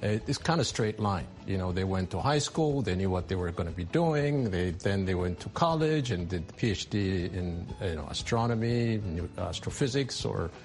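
A man from Ethiopia, a scientist, telling his story in a relaxed, conversational interview. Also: low-pitched, moderate pace, few pauses. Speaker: scientist guest. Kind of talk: interview answer.

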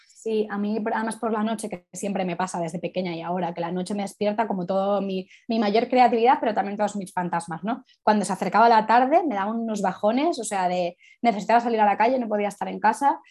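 A woman's voice: medium pitch, fast, darkish tone. A woman sexologist, reflecting candidly in a casual interview and rambling through many asides.

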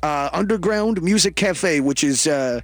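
High-voiced man rambling in comic banter. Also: animated, a little slow, no echo. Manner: rambling, slangy. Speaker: comedy radio co-host.

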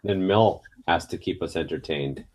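A man's voice: deep voice, moderate pace, noisy background. A man in his early forties chatting casually. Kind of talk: casual chat.

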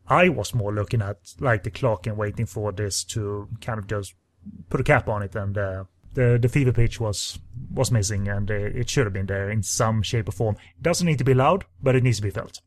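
A man reviewing a film in casual chat, critical and talking in long winding sentences. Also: mid-range voice.

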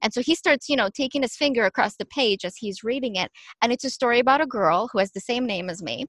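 A woman's voice: fairly high pitch, fast, no echo. A woman from Ukraine in a conversational talk, telling personal stories and acting out the lines of people in them. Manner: animated storyteller, acts out quotes. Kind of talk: conversational podcast storytelling.

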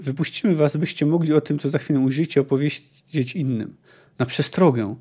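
Stern old druid elder, slow and solemn, read by a man. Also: on the high side, dark tone, slightly rough. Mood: solemn warning. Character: stern old male druid, leaning on staff.

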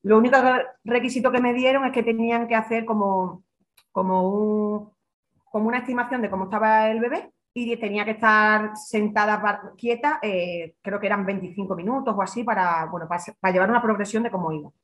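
A woman's voice: mid-range voice, fairly even intonation, brisk. A young adult woman from Extremadura, a podcast guest who tells her story in a casual interview and acts out her own past words. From Extremadura, Spain.

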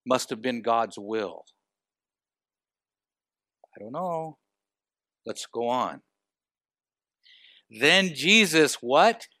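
A man preaching a sermon, asking the congregation rhetorical questions and moving between quiet and emphatic delivery. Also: mid-range voice, expressive, extremely slow, long pauses, no room sound, studio quality.

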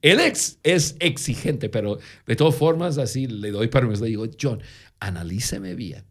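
Man, non-native speaker with an accent, podcast co-host, casual storytelling, lively rising and falling pitch, halting restarts. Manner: halting, with frequent restarts and repeated words.

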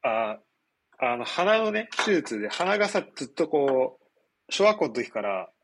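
A man in his twenties with a nasal, stuffed-up, husky voice, chatting casually as a podcast host in a rambling, explanatory way. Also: medium pitch, big pitch swings, a little slow, slight background noise. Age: 20s. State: congested after nose surgery. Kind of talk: casual chat.

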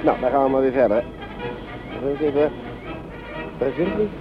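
An actor playing a fussy uncle who talks to children in a chatty, scolding but kindly way. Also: male voice, medium pitch, animated, brisk, over music, close to an everyday voice. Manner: fretful, chatty, scolding yet kindly, many tag questions. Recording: dull old noisy recording.

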